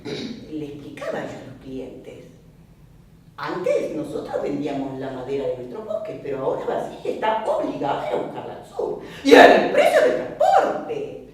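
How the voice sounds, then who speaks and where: Una actriz da vida a una esposa argentina de mediana edad, recatada y devota, que habla con una entonación muy viva y sube y baja la voz para remarcar. La voz llega desde lejos en un teatro con mucho eco. Se oye música de fondo. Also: female voice, moderate pace, recorded from a distance, exaggerated voice. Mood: nostalgic. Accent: Argentine Spanish. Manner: expressive, mimics sounds and shifts pitch for emphasis. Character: Olga, a prim middle-aged wife devoted to her husband. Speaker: stage actress in a one-woman play. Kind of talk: theatrical monologue. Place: theatre stage.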